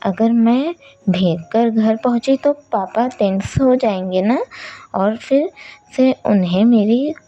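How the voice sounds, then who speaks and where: A woman's voice: on the high side, slow pace, dark tone, muffled recording, pitched above the performer's own voice. A woman voicing a sweet twelve-year-old girl who pleads in a whiny, childlike way. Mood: pleading.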